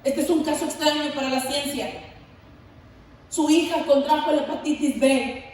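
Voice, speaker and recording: A woman preacher with a Mexican Spanish accent voicing a grave male doctor in slow, solemn tones. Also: sits high, steady tone, darkish tone, lightly acted. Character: grave male doctor giving bad news. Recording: echoey church hall, far from mic.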